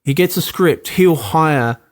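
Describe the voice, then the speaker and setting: A man, talking casually as an interview guest, animated and full of fillers. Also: a little high, slow. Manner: animated, many fillers, acts out quoted lines. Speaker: actor and producer guest.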